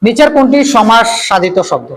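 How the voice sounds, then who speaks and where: A male teacher going through exam multiple-choice questions, repeating each question and reading out the options before giving the answer, with drawn-out "uh" fillers. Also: very high voice, sing-song, a bit bright, rough recording.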